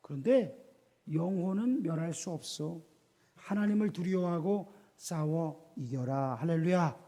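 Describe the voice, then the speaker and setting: A male pastor preaching a lively sermon in a church, asking the congregation questions and acting out the people he quotes. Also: high-pitched, husky. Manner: animated, asks the congregation rhetorical questions; acts out quoted voices within the sermon.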